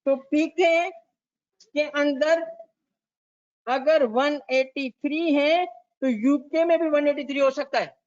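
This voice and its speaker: A man's voice: very high-pitched, slow pace, pauses often. A Pakistani man teaching a tax class, quizzing students by name and repeating key points. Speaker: tax lecturer. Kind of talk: classroom lecture mixing Urdu and English. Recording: dull lo-fi lecture recording.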